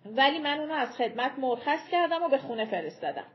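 A woman's voice: sits high, animated, highs cut off. A woman voicing a persuasive giant leader who coaxes the tiny folk to come down from a mountain in an audiobook. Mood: apologetic. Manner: coaxing, persuasive.

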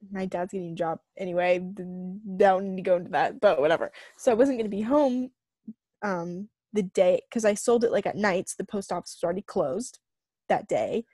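A young woman co-hosting a podcast, telling a long story in casual chat, full of fillers and animated retellings. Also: mid-range voice, dry recording. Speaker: podcast co-host.

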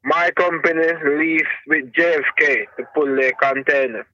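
Jamaican man with a bright, forceful voice. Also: on the high side, normal speed, no room sound. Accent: thick Jamaican. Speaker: company truck driver being interviewed. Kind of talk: casual conversation. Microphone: phone call. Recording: muffled, band-limited phone line.

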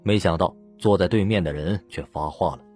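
A man narrating a serialized novel as an audiobook, with steady storytelling delivery. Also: sits low, fairly quick, breathy edge, soft background music. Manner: steady storytelling, voicing the lead plainly.

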